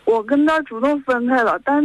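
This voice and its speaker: Over a muffled, lo-fi phone connection, a woman in her twenties phones in to a chat program and tells a wandering story held together by "and then." She has a Northeastern Mandarin accent and a high voice, and she talks at a brisk clip.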